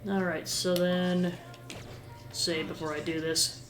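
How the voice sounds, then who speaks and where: Gamer talking thru their playthrough, middle pitch, echoey room w/ music behind. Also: level tone, takes it slowly. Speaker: video game player reading dialogue aloud. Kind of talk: playthrough commentary. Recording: roomy echo with game music behind.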